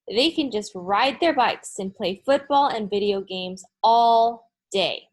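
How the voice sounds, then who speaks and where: A woman voices an eight-year-old second-grade boy telling his own tale in a children's storybook read-aloud. Defiant, blunt and opinionated about hating school, he spells out his points slowly and emphatically at a medium pitch.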